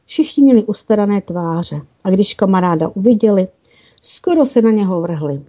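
A woman narrating a children's fantasy story in an even, careful reading style with small slips. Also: mid-range voice. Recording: dull lo-fi recording.

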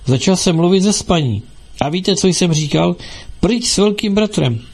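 A man's voice: lively intonation, vocal fry, a little mellow, exaggerated voice. A man doing a whining, panicky prisoner. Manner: whining, high-strung and pleading. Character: panicky fawning middle-aged male prisoner.

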